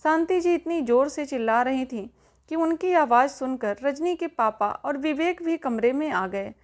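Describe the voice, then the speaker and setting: A woman with a high voice tells a family drama as scripted narration. She reads at an even pace and speaks each character's lines herself. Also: moderate pace. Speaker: storyteller.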